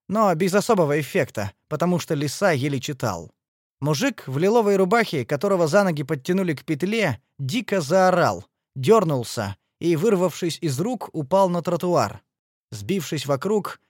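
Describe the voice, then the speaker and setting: A man reading a first-person story aloud as an audiobook narrator, in a lively, dramatic way. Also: fairly high pitch, normal speed, dry recording, studio quality.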